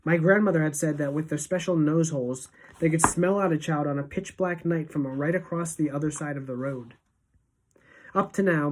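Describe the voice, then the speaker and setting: A woman teacher reading a novel aloud to students, expressive and shifting between hushed and emphatic. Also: sits low, poor audio.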